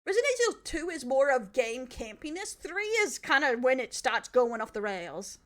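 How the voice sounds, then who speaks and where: An Australian woman streams a casual live reaction to a video, rambling, opinionated and swearing plenty. Her voice sits high and animated at a moderate pace.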